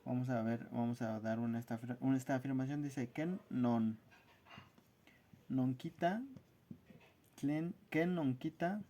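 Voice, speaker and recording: A man teaching a language lesson at a whiteboard, spelling out words slowly and carefully in a friendly, casual way. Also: medium pitch, steady tone, warm tone.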